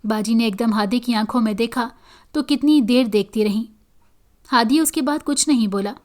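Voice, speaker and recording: Slightly high-voiced woman storyteller. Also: a little mellow. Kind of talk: scripted first-person horror narration.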